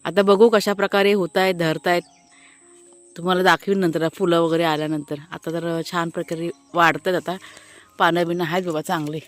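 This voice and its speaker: A woman's voice: on the low side, level tone, moderate pace, dry recording, faint music behind. Chatty woman vlogging in her garden. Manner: chatty, explains as she shows things. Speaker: family vlogger. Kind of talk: casual vlog walkthrough talking to viewers. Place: outdoors in a home garden.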